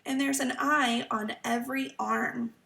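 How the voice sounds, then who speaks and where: Female kids show host type for story time read-aloud, very creaky voice, slow delivery, teaching and questioning young listeners. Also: fairly high pitch, fairly even intonation, sharp tone. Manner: kids show host, addressing children with questions and simple explanations. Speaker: children's teacher reading a picture book aloud. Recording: roomy echo, slightly distant mic.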